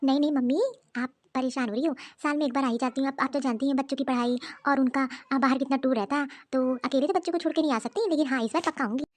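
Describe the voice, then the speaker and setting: A fretful middle-aged mother-in-law from a cartoon story, voiced by a woman. She speaks in a high voice, anxious and pleading with her elders. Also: fairly even intonation, fast, lightly acted. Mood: chatty.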